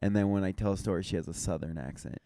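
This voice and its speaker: Young comedian guy on a podcast, lowish smooth voice, tells stories, dry close sound. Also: racing, no room sound. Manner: storytelling, animated, swears freely. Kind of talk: casual chat.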